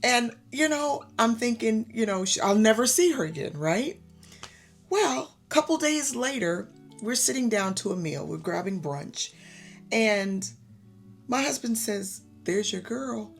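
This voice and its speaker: A woman vlogger tells a personal story with animated, effusive energy and talks straight to her viewers. Her voice is gravelly and husky, at a middle pitch. Faint music plays underneath. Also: a little slow. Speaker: lifestyle vlogger.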